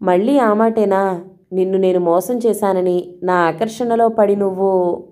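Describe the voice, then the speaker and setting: A woman voicing a caring man, an elder brother who questions slowly and gently. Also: medium pitch, steady tone, natural voice. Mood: concerned. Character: male hospital patient, caring elder brother.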